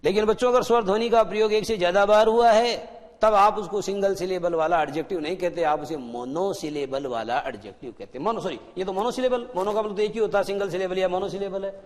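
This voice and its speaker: A man teaching a classroom grammar lesson, explaining slowly and asking his pupils questions that he then answers himself. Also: high voice, big-room sound.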